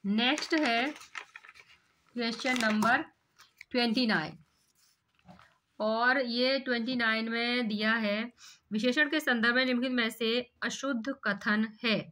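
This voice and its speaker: A woman's voice: a little high, a little slow, long pauses, sharp tone, slight background noise. A woman teacher going through an exam paper question by question, explaining each answer step by step and asking rhetorical questions. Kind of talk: exam paper walkthrough lesson.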